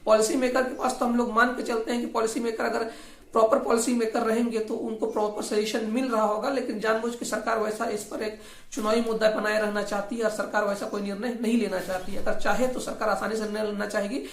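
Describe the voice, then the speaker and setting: A woman hosting a regional affairs channel delivers informal political commentary in a fairly high, flat voice at a fast clip. She argues critically and keeps repeating her points. The recording is echoey and roomy.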